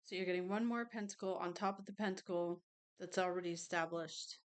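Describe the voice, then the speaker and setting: A woman's voice: fairly low pitch, fairly even intonation, brisk, clean tone. A woman tarot reader chatting casually, rambling between snacks and card readings. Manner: chatty, rambling, tastes food on camera.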